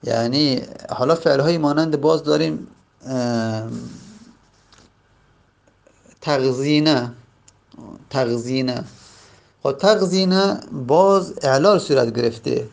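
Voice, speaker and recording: A man teaching a grammar lesson, explaining step by step and drawing out example words slowly. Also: medium pitch, gravelly. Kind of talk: classroom lesson.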